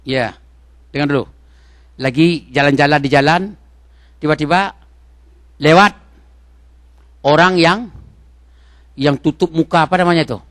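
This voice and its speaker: A man from Indonesia preaching a sermon in a mosque, talking straight to the congregation with questions and swinging from loud exhortation to soft asides. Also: on the high side, dry recording.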